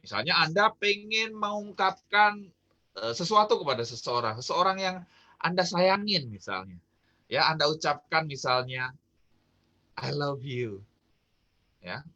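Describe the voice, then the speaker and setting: A man's voice: a little high, expressive, moderate pace, pushed and bright, lo-fi sound. A man from Indonesia giving a casual online talk on communication, peppered with fillers and questions to his audience. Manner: chatty, peppered with "ya" and "gitu kan". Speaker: business trainer.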